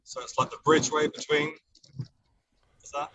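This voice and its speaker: A man's voice: a little high, flat delivery, moderate pace, pushed and bright. A man asking a workshop teacher hesitant questions over a hands-free car speakerphone while driving. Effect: hands-free car speakerphone call. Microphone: hands-free car phone. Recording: distant car speakerphone with road noise.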